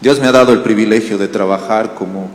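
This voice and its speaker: A man's voice: on the low side, fast. A man from Bolivia preaching a sermon as pastor, telling stories and asking the congregation questions. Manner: animated storytelling with questions to the congregation. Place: church hall. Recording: roomy church hall reverb.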